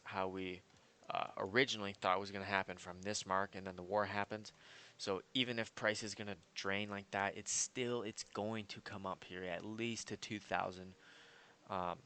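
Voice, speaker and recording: During a casual screen-share, a man walks through his trading chart analysis, confident and rambling with plenty of fillers, and he has hiccups. His voice sits low, sharp yet clear and resonant.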